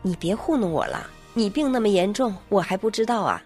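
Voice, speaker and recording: An excited elder sister, half teasing and half disbelieving, as a woman reads her lines. Her voice sits at a middling pitch with faint music underneath. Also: fairly quick, natural voice. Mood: amazed.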